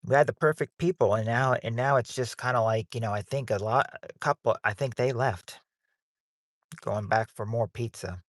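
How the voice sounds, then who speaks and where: In a clean studio recording without room sound, a man with a mid-range voice speaks at normal speed. He's casually chatting as host of a livestreamed game night and frequently starts his sentences over.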